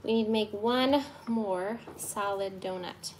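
A woman in her thirties hosts a baking livestream, chatting casually and giggling into a phone camera at her home kitchen table. Her mid-range voice is a little mellow and slow-paced, and the poor audio carries some hiss or hum.

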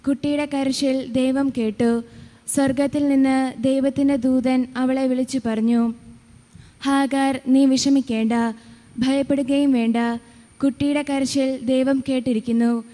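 High-voiced woman reading scripture. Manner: steady measured reading. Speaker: lector. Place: church. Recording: reverberant church hall.

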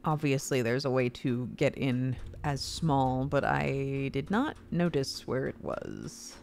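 A woman's voice: rumbling low, very animated, slow pace, vocal fry, darkish tone. A woman giving casual livestream commentary as she plays a game. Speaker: game streamer, voice actor.

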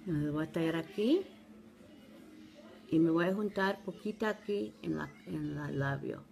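A middle-aged woman with gives a casual, halting step-by-step product demo, recorded on a phone at arm's length at home. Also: sits low, gravelly, darkish tone. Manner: halting, simple step-by-step instruction. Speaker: product demonstrator. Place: small room at home, indoors.

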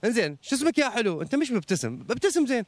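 A man's voice: extremely high pitch, racing, no echo. A man hosting a TV show, giving a short religious talk and then chatting playfully with children in a mosque courtyard. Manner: lively, teasing, chatty with children. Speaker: TV show host. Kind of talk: religious talk and quiz with audience.

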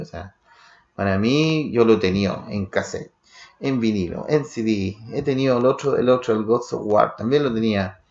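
A low, gravelly-voiced man with a Chilean Spanish accent talks through a metal record in quick, clipped fragments. The recording is muffled and lo-fi, and it sits in an echoey room. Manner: rattles off terse fragments while listening, with restarts. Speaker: metal album reviewer. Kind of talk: casual spoken album review. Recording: roomy, dull lo-fi home recording.

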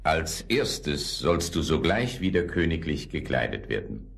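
A man voicing a kindly old king in a fairy-tale radio play, speaking softly and coaxingly, in a fatherly way. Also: a bass voice, very animated, unhurried, gravelly, voice pushed down, full character voice. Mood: gentle.

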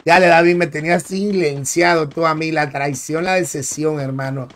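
Streaming a game live, a young man from the Dominican Republic talks with a fairly high, steady, slightly bright voice at a normal speed. In his Dominican Spanish accent he chats in slang and greets viewers by name.

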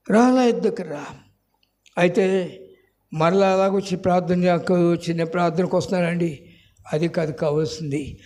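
A man pastor preaching a sermon with passion, swinging between loud outbursts and hushed lines. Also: high voice.

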